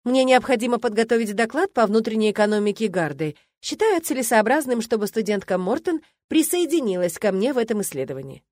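A woman voicing a polite, composed young male student who is quietly scheming. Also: on the high side, animated, a little fast, few pauses, no echo, clean studio sound. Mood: smug.

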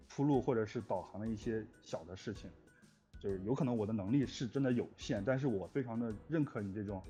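Interviewed as a composer of music for audio dramas, a man speaks casually, reflectively, and earnestly, his phrasing somewhat hesitant. His voice is on the low side and warm, heard through dull lo-fi audio with music playing behind.

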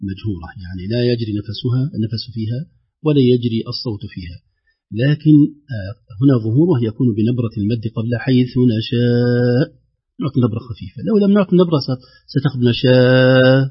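A man teaching recitation, patiently repeating words slowly to demonstrate each sound. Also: medium pitch, breathy edge, muffled recording. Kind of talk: instructive explanation with demonstrated pronunciations.

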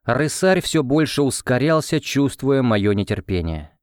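A man narrating a first-person fantasy audiobook in a measured storytelling manner. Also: medium pitch, sing-song, no echo, clean studio sound.

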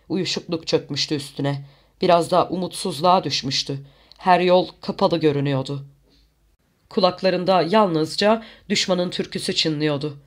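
Audiobook narrator, steady even storytelling, middle pitch. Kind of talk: scripted narration.

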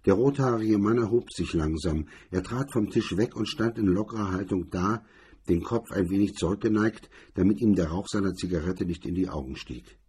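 Very husky, dark-voiced male narrator. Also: fairly low pitch. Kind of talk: scripted narration of a crime story.

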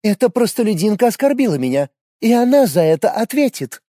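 A man's voice: high-pitched, very animated, mellow, no echo, clean studio sound, pitched above the performer's own voice. A man playing a haughty, mocking young noblewoman. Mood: arrogant. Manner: sly, cutting, drawn-out phrases.

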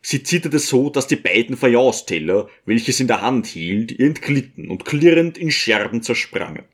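A man's voice: medium pitch, animated, normal speed, husky. Man narrating a classic novel. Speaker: audiobook reader. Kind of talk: scripted narration.

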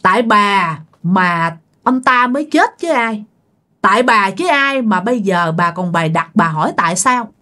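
A woman's voice: mid-range voice, lively intonation, a little slow, pushed and bright. A woman doing a blunt, accusing male officer. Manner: accusing, reproachful.

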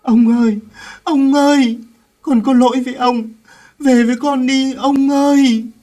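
A man's voice: high voice, slow, warm tone, voice pushed up. A man voicing a young former addict who cries and pleads. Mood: sobbing desperate. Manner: crying, pleading. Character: young male ex-addict, sobbing, desperate.

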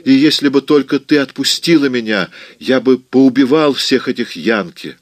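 A man's voice: medium pitch, lively intonation, normal speed, creaky, no room sound, voice pushed up. A man voicing a clumsy teenage boy in an audiobook, pleading earnestly with his mother.

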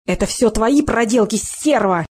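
A narrator putting on a shrill sneering crook. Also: male voice, lively intonation, unhurried, darkish tone, breathy edge, full character voice. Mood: shrieking. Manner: shrill, sneering, shrieks when cornered. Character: sneering cowardly male gang crook.

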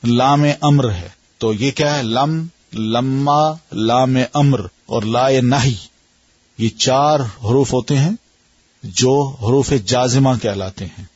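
This is a man with a Pakistani accent leading a grammar lesson, his voice husky with a breathy edge. He questions his students patiently and sounds out word patterns slowly. The recording is dry and muffled, like a lo-fi lecture tape. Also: mid-range voice, a little mellow, dry recording. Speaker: Arabic grammar teacher. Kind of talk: classroom lesson.

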